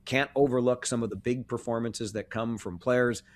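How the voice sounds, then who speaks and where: A man's voice: mid-range voice, fairly even intonation, moderate pace, slight background noise. A man co-hosting a sports podcast in a genial, conversational way, chuckling now and then. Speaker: podcast co-host. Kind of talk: casual sports podcast chat.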